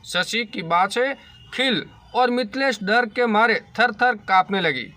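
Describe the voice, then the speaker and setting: High, bright-voiced male storyteller. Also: unhurried, no room sound. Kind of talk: scripted narration of a moral story.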